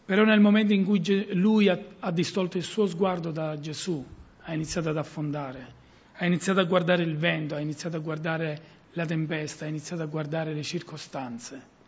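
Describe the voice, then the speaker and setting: Middle-aged guy preaching a sermon, high gravelly husky voice, earnest, muffled lo-fi sound. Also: steady tone, brisk. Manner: earnest, rising and falling emphasis. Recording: muffled lo-fi recording.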